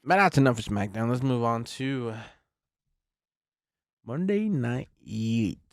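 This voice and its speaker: A man co-hosting a casual podcast chat, excitable and prone to hyped-up shouting bursts. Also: medium pitch, takes it slowly, dry recording, clean studio sound. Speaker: podcast co-host.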